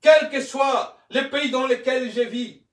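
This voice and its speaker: A man from Congo preaching an impassioned sermon as a pastor, fervent and often shouting in repeated declarations. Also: very high-pitched, steady tone, slow pace, echoey room, distant mic. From Congo (DRC).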